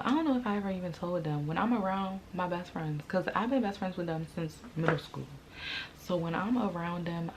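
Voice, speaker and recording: A woman's voice: sits low, slight background noise. A young American woman telling a personal story casually, in an informal, candid and emphatic way, repeating and drawing out words. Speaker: vlogger.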